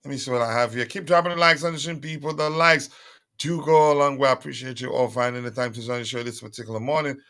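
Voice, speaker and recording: Fast and fairly bright, this man's medium-pitched voice keeps a fairly even intonation. On his casual live stream he chats with viewers and reads their comments, full of fillers and repeated pleas for likes. He sounds slightly strained, as though recovering.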